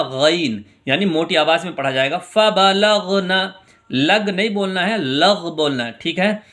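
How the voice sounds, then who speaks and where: A man from India teaching Quran reading, explaining each letter quickly and then reciting the verses slowly in a chanting voice. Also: a little high, bright, forceful tone. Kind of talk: recitation lesson.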